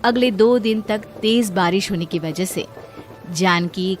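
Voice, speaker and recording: A woman narrating a cartoon story in a steady, plain storytelling voice. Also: mid-range voice.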